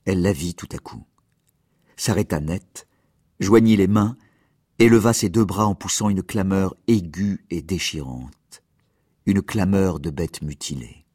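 A man reading a story aloud in measured, expressive scripted narration. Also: low voice, slightly rough, no echo, clean studio sound.

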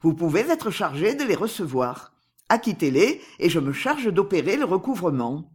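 A narrator voicing a disguised male swindler, calm and commanding, in an audiobook with a husky voice. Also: medium pitch, normal speed. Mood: smooth. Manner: calm, commanding, coolly persuasive. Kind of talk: audiobook character reading.

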